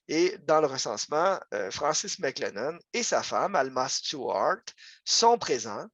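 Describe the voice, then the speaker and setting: A man's voice: a little high, fairly bright tone, dry recording. A man with a Quebec French accent giving a local history lecture over a video call, conversational, with many fillers and asides. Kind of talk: history talk, online lecture.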